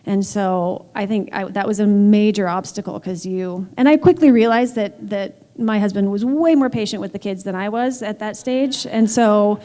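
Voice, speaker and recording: This panel discussion features a woman team executive whose mellow, medium-pitched voice moves at normal speed with few pauses. She speaks candidly and emphatically, peppering her talk with filler words. The audio has a long hall reverb.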